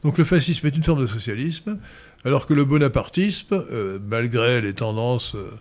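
Man, lecturing, hesitant, emphatic, mid-pitched voice. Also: expressive, normal speed, a little mellow. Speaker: guest commentator. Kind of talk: political discussion.

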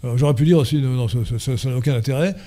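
A man's voice: medium pitch, racing, warm tone. A man giving a conference lecture and answering audience questions, hesitant and full of fillers and restarts, then driving his points home emphatically.

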